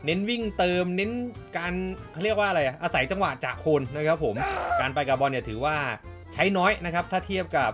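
A man giving casual, excitable gameplay commentary, swearing freely and calling plays like a sports caster. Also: a little high, fast, faint music behind. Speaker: gaming YouTuber.

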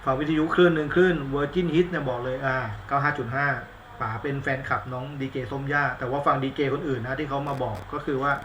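Chatty man with a bright voice on a livestream. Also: mid-range voice, steady tone, fast, roomy sound, a little hiss or hum. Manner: chatty, rambling, blunt slang, self-mocking. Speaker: movie reviewer on live stream. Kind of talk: casual live-stream chat. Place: indoors at home, live stream.

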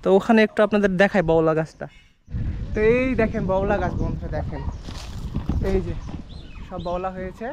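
A travel vlogger with a Bengali accent narrates a casual walk through a village, chatting to viewers and putting questions to locals. His voice is high and brisk, with long pauses, and the outdoor recording is noisy.

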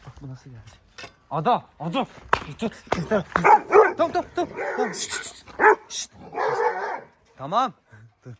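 A man, a father and dog owner, chatting casually to viewers in a yard while giving sharp commands to his dogs. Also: fairly high pitch, very noisy. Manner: sharp commands to dogs, shooing them back. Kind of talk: casual vlog talk to viewers.

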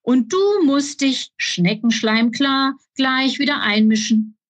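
A woman's voice: high voice, animated, takes it slowly, voice pushed up, full character voice. A woman reading aloud, voicing a quarrelsome male kobold who spits out his words in a storybook. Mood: snappish.

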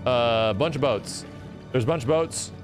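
A man in casual, playful gaming chat, excitable and given to repeating his phrases. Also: mid-range voice, measured pace, over music. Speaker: streamer playing in a group. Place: home room, group video call.

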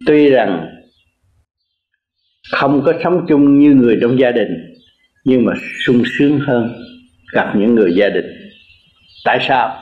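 A man's voice: medium pitch, lively intonation, measured pace, pauses often, slight background noise. Blunt older man. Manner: blunt, earnest, teasing. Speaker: spiritual teacher. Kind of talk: sermon and answering listeners. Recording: roomy, dull lo-fi recording.

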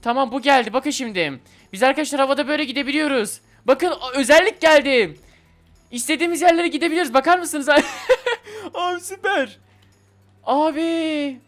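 A young man commentating a platform game for viewers, excitable and chatty, often talking to the game itself. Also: extremely high pitch, fast talker, soft background music. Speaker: gaming video host. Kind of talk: excited let's-play commentary.

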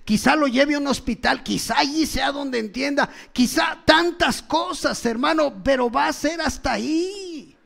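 Man, Mexican accent, church sermon, gravelly fry, unhurried delivery, calls out to listeners. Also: very high voice. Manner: impassioned, calls out to listeners, swings between loud and hushed. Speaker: preacher.

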